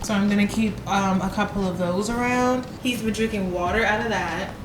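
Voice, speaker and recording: A woman's voice: mid-range voice, brisk, background noise. A woman hosting a casual home vlog, talking to the camera and cooing at her puppy in a sing-song voice. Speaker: vlogger host. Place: at home indoors.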